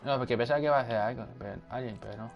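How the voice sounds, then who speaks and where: A man commenting casually on his game at home at night, muttering quietly to himself. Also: mid-range voice, rapid-fire, dull audio, faint music behind. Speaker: gameplay video creator.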